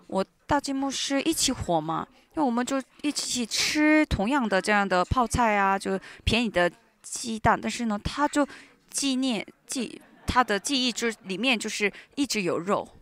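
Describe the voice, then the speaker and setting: A woman interpreting a sermon live in a church, speaking in halting phrases with frequent restarts and fillers. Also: a little high, a bit bright. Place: church hall.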